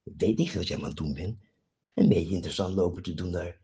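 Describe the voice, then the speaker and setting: A man with a very low, gravelly voice that is rough and husky throughout. He rambles through a profane rant aimed at a friend, dropping to a mutter and then flaring up loud, and keeps pushing for agreement with a questioning "eh?". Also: fairly quick, muffled recording. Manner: swings between low muttering and loud outbursts, keeps asking "hè?"; profane and rambling, jumps between topics.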